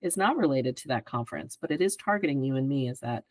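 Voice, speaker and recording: A woman in her fifties, a guest on a podcast, explaining her work in a measured way and often checking in with "right?". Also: very deep voice, lively intonation, a little mellow, no echo, rough recording. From greater Philadelphia area. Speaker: advertising executive guest. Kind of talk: podcast interview answers.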